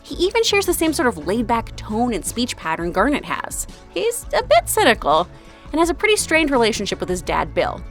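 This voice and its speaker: Texan lady w a twang doing a chatty explainer video, high voice that bounces around a lot, music behind. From Texas, USA. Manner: chatty, playful. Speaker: video host. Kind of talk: scripted explainer narration with casual asides.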